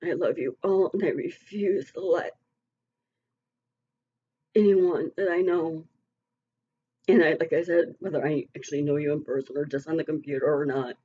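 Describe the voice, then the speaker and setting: A woman's voice: low voice, moderate pace, pauses often, dark tone, highs cut off, slight background noise. A middle-aged woman talking earnestly and emotionally to her online community in a casual, rambling vlog. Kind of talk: casual heartfelt vlog talk.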